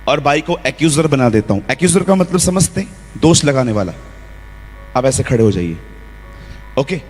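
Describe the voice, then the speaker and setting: A man preaching a lively sermon in a church, acting out quotes and scenes as he goes. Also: a little high. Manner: lively preaching with acted-out quotes and role-play. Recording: long hall reverb.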